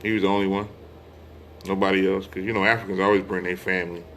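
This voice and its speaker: A middle-aged American man, a religious speaker addressing online followers, delivers an informal monologue in a deep voice that is a bit bright. His delivery is flat yet quick and emphatic, with repeated phrases and rhetorical questions. Slight background noise can be heard.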